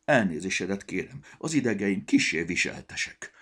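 A man's voice: sits low, big pitch swings, sharp tone, slightly rough, exaggerated voice. A man voicing a nervous, easily frightened talking glove. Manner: jittery, whispering then shrieking.

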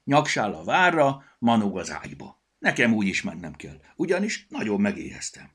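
A man voicing a lively, boastful squirrel in a children's audiobook, chirpy and quick. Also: on the low side, husky, heavily acted. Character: lively show-off cheeky squirrel.

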